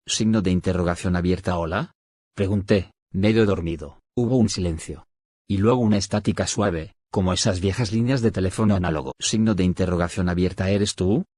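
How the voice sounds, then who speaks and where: A man tells a first-person horror story as scripted narration, in a low, husky voice. He keeps a steady storytelling pace and slows down on key moments. The sound is dry and close, with no room around it. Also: no echo.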